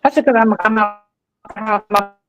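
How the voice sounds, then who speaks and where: A woman's voice: medium pitch, normal speed, faint music behind. A woman calling in from a garage, her call breaking up and dropping out as she speaks in short broken-off bits. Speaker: caller on a live stream. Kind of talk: casual chat.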